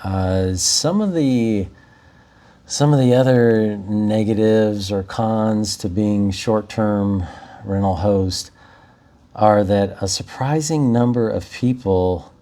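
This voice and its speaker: Mellow-voiced man giving casual host tips. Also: lowish voice, takes it slowly. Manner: easygoing, explanatory. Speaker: short-term rental host. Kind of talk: casual advice chat.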